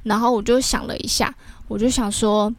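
A woman's voice: fairly high pitch, fairly even intonation, normal speed, dry recording. A young woman with a Taiwanese Mandarin accent, hosting a podcast and telling a personal story in a chatty way, tagging her sentences with filler words. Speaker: podcast host.

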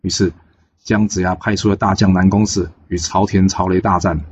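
Relaxed male storyteller, chatty retelling, dull lo-fi recording. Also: low-pitched, moderate pace, slight background noise. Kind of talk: storybook narration.

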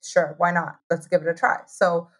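A hot sauce co-founder from Taiwan, in her thirties, recounts her journey as an interview guest at normal speed with a flat delivery. Her low voice has a husky, breathy edge, and her talk is loose and chatty, full of laughter and "like".

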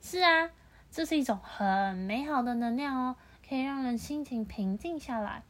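Fairly high-voiced woman reading to a child. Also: expressive, moderate pace, fairly bright tone. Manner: patient, explains and asks the child questions. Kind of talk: reading a picture book aloud to a child.

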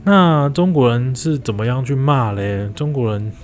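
A man giving relaxed, casual commentary, with lots of fillers and restarts. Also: medium pitch, normal speed, faint music behind.

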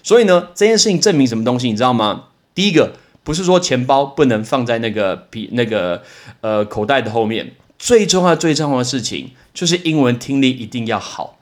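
A man teaching English words on a casual podcast, telling stories with energy and repeating each word slowly for practice. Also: mid-range voice, expressive. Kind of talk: casual podcast vocabulary lesson.

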